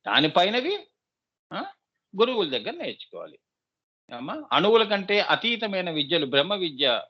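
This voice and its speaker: A man's voice: sits high, very animated, moderate pace. A middle-aged man with a Telugu accent, a spiritual teacher giving a devotional discourse in a fatherly way, often checking with his listeners. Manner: fatherly, addresses listeners as mother and son, asks "isn't it?". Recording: dull lo-fi sound.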